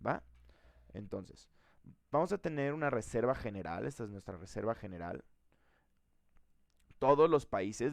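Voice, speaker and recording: A man's voice: mid-range voice, dry recording, clean studio sound. A man teaching a live programming class, thinking aloud and asking the students questions.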